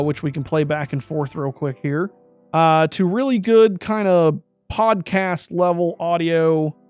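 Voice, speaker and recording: A streamer walks through a step-by-step tutorial on his USB desk microphone, talking aloud through each setting and correcting himself mid-sentence. Although he describes his own voice as high-pitched, it comes across smooth and darkish, with no room sound.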